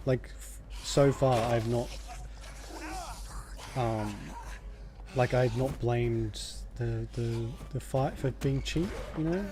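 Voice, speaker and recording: A man's voice: medium pitch, slow pace, pauses often. A man giving casual let's play commentary in a rambling, reflective way. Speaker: video game streamer. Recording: faint background noise and game ambience.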